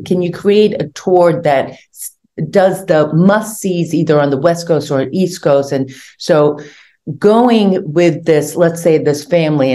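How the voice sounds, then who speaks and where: An older woman, born in Hungary, talking animatedly as an interview guest over a video call from her home. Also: sits low. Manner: animated storytelling, gesturing with hands. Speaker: guest, tour organizer. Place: home room indoors. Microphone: video call webcam.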